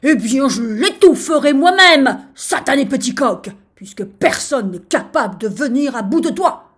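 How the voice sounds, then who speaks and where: Pompous sultan, shouts orders, storybook; a woman voices it; slow, animated. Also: sits high, slightly rough, voice pushed up, full character voice. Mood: furious. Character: furious pompous sultan, loud and bossy. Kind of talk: storybook reading.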